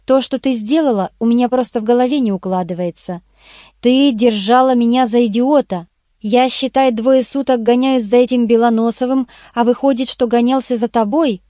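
A woman voicing an irritable male private detective who speaks gruffly and indignantly in an audiobook. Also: on the high side, moderate pace, warm tone, dry recording, clean studio sound, natural voice. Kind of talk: audiobook character voice.

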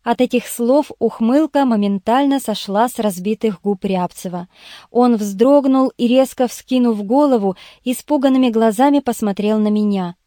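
A woman narrating an audiobook in a steady, measured way. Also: on the high side, no echo, studio quality. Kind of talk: scripted narration.

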